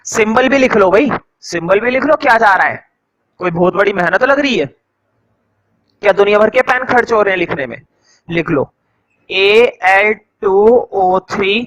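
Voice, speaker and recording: A male teacher with a high, bright voice dictates notes at a slow, deliberate pace. He repeats each line several times and keeps quizzing the students with questions while he writes on the board. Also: low-quality recording. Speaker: science teacher. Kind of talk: classroom lecture, dictating notes. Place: classroom with a board.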